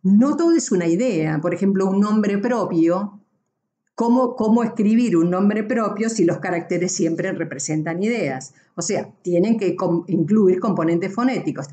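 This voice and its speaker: A woman's voice: medium pitch, expressive, measured pace, warm tone. A woman giving a university class, explaining patiently with frequent tag questions and self-corrections. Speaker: university lecturer. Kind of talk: recorded class lecture.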